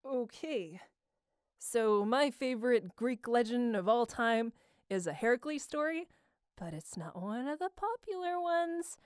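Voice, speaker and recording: A young amateur voice actor answers a question by rambling through stories, her voice a little high and her pace measured, in a clean-toned, dry recording. She's slangy and irreverent, animatedly retelling events and acting out the quotes.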